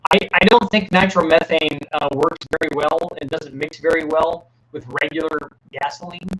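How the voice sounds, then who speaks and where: A man's voice: on the high side, steady tone, moderate pace, a bit bright, poor audio. A middle-aged man hosting a casual live Q&A, answering viewers' technical questions in a plain-spoken way, often restarting his sentences. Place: home workshop with a fan running.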